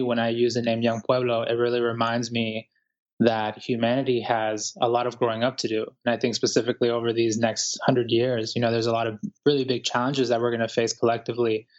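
A man from Ecuador, a writer, talking calmly and thoughtfully in an interview, with many pauses and fillers. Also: medium pitch, highs cut off. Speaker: guest writer. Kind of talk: reflective interview talk.

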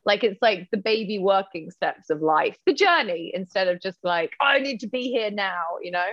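A woman's voice: mid-range voice, animated, normal speed, fairly bright tone, no room sound, highs cut off. A woman turns of phrase, chatting casually and playfully in a rambling way as an interview guest. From Britain. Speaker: interview guest, model and actress. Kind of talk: casual chat.

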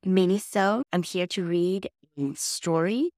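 Female podcast host, unhurried pace, slightly low pitch, episode introduction. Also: a little mellow.

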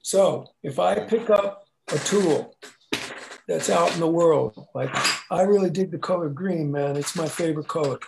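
A man's voice: fairly high pitch, a little slow, gravelly, noisy background. A man talking as a podcast guest in a laid-back, casual way, sprinkling in "dig, man" and "you know.".

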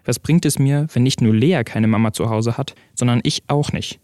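A man's voice: mid-range voice, normal speed, warm tone, no echo, studio quality, natural voice. A man voicing an upset, stubborn young boy in a story reading, his voice rising and pleading.

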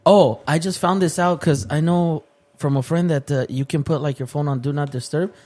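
A middle-aged man with a slightly high voice chats as a podcast host. He jokes in loose bro slang and slips between English and Spanish. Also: moderate pace, a little mellow. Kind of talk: casual podcast banter.

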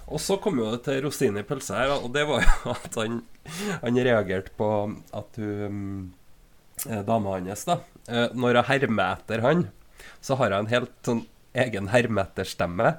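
A man's voice: medium pitch, a little hiss or hum. A man, co-hosting a radio show and chatting casually, often laughing, with lots of fillers. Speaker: podcast co-host.

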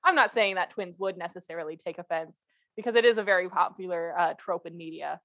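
A young woman co-hosting a podcast, chatting casually about a book with animated, sarcastic energy and free swearing. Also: lowish voice, quick pace. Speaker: podcast co-host.

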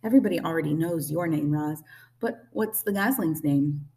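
A woman voicing an old gray female goose who talks in a brisk, bossy, no-nonsense squawk for a storybook reading. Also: sits low, mellow, distant mic. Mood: blunt, brisk.

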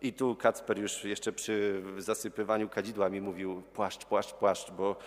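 A priest giving a sermon, telling a Gospel story and acting out the crowd's and the beggar's cries. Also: male voice, on the low side, flat delivery, a little slow. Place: church. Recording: church with long reverb.

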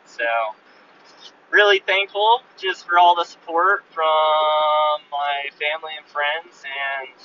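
A man's voice: fairly high pitch, pushed and bright. A male podcast host giving a loose, rambling road-journal update full of fillers, recorded on a phone. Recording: muffled phone recording from a distance, faint vehicle noise.

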